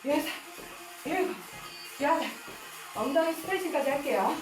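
A woman's voice: sits high, animated, moderate pace. A woman leading a workout as an instructor, counting reps aloud in short, clipped commands and exhaling audibly between counts. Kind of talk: workout coaching with rep counting. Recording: roomy echo with music behind. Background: music.

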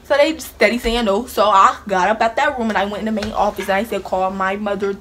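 A young woman vlogger tells a story straight to the camera at a fairly quick pace, animated and dramatic, her pitch in the middle range for a woman. She's casual and chatty, laughs easily, and a steady hiss runs beneath the recording.

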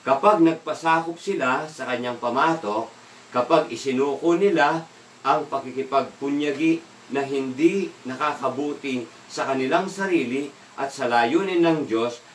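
A man gives a casual evening devotional and keeps asking his listeners questions. His voice is middle-pitched and comes from a distance in an echoey room. A faint room hum sits behind him. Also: a little slow, a bit bright. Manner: asks the listeners questions, mixes in English words, laughs now and then. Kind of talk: conversational Bible devotional talk.

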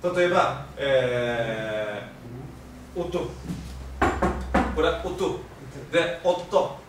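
A man giving an animated, joking lecture on language and pronunciation. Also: medium pitch, drawn-out words. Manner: animated, jokey, uses Okinawan-flavored sentence endings. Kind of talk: lively public lecture. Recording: echoey hall from far off, faint noise.

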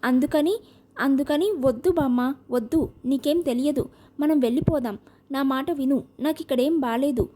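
A woman's voice: high-pitched, normal speed, dark tone, natural voice. A woman voicing a proud, restless young heroine in an audio novel, speaking in an insistent, pleading way.

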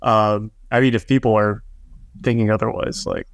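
A man's voice: fairly low pitch, little pitch movement, moderate pace, clean tone, no echo. Rambling laughing man, dry podcast mic. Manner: rambling, laughing, heavy "like" filler. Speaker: podcast co-host. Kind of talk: casual panel chat.

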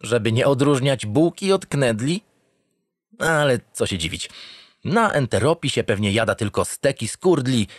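In a clean, dry studio recording, a man with a mid-range voice speaks at normal speed with animated delivery. He plays a self-satisfied, cheerful but dim spaceship captain, giving playful, theatrical first-person narration for a scripted sci-fi comedy audio drama.

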